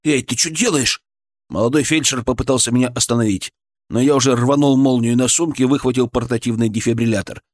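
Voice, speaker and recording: A man reading a fantasy novel aloud in a steady, tense, dramatic way. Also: mid-range voice, fast, no room sound, studio quality. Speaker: audiobook narrator. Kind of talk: scripted fantasy narration.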